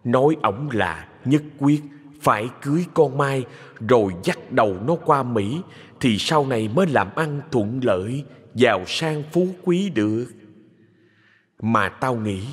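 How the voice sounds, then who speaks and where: A man's voice: mid-range voice, animated, measured pace, breathy edge, big-room sound. A man voicing a scheming male ghost who drawls out his plans.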